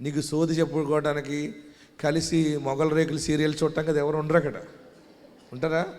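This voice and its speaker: A man preaching a sermon as pastor, swinging from quiet talk to loud shouting and calling on the congregation to shout hallelujah. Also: a little high, little pitch movement, brisk. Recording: long hall reverb.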